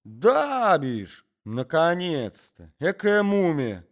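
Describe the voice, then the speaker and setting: A man's voice: on the high side, wildly swooping pitch, very slow, voice pushed up, heavily acted. A man voicing an irritable young wife who talks sharply and impatiently.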